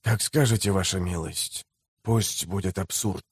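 A man voicing a cold, menacing male slave trader in an audiobook, speaking low and hushed. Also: steady tone, measured pace, breathy edge, no echo, clean studio sound, heavily acted. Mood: sullen.

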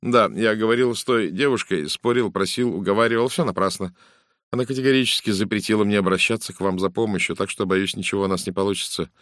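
A man's voice: lowish voice, quick pace, a bit bright, dry recording, studio quality, voice pushed up, close to an everyday voice. Man playing an anxious, apologetic young actor. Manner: hesitant, apologetic, with filler sounds. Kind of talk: audiobook character voice.

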